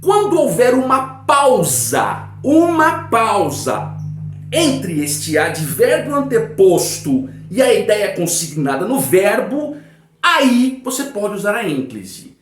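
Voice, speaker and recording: Animated, high-voiced man teaching grammar. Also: echoey room, soft background music. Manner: didactic, checks understanding with frequent "né?" and "tá bom?"; reads example sentences slowly and emphatically. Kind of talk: online grammar lesson.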